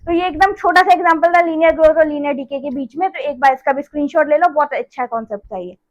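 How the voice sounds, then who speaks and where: High-pitched woman maths teacher. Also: quick pace, highs cut off. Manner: chatty, repeats each step with "theek hai". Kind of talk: casual classroom lesson.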